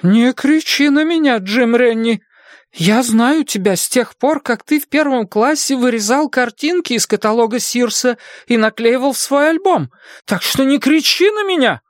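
A man's voice: lively intonation, normal speed, no echo, studio quality. A man reading an audiobook, voicing a flustered middle-aged woman who serves as a town official. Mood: indignant. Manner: high, shrill and indignant. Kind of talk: audiobook character voice.

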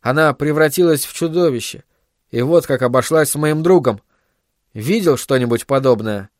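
A man's voice: mid-range voice, moderate pace, no room sound, studio quality, lightly acted. A man voicing an agitated, stubborn middle-aged male scientist who talks in emphatic, heated bursts. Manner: heated, emphatic, pleading at times.

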